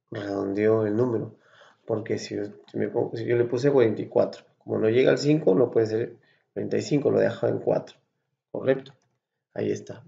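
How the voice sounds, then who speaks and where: A man from Peru with a Peruvian accent, patiently explaining a software tutorial step by step and checking in with his students. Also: lowish voice, vocal fry, lo-fi sound. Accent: Peruvian Spanish. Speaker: Excel course instructor. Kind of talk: screen-recorded software tutorial.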